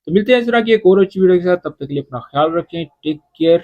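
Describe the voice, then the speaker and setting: Male teacher, slightly high voice, patient and repetitive, casual video lesson. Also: expressive, lo-fi sound. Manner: explains patiently, often asks "ٹھیک ہے؟"; repeats example phrases slowly. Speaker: Arabic teacher.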